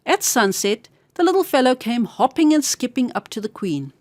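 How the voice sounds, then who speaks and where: Reading a fairy tale aimed at kids, this woman narrates with precise, expressive articulation at an ordinary speed. She has a high-pitched, very lively voice. The sound is dry and close, with barely any sense of space and no room sound.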